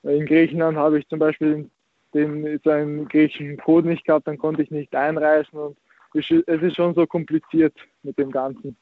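A nineteen-year-old Austrian tennis player answers interview questions hesitantly, repeating filler words. His voice is a little high and flat, at a moderate pace, with no room sound. The line is tinny and phone-like.

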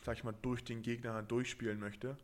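A man's voice: mid-range voice, moderate pace. A young man from Berlin, co-hosting a casual podcast chat and talking loosely with lots of fillers and restarts. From Berlin, Germany. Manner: relaxed, chatty, many fillers and restarts. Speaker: podcast host and rugby player.

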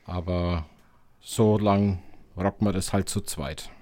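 A German man with a fairly low voice co-hosts a podcast in an easygoing, friendly way. The sound is dry and close, with no room echo. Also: steady tone, takes it slowly, a little mellow. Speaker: podcast co-host. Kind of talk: casual chat.

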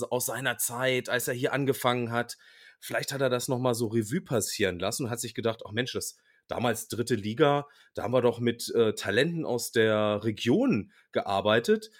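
A man from Germany co-hosting a casual football podcast, speaking with many fillers. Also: medium pitch. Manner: hesitant, with fillers. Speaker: podcast co-host.

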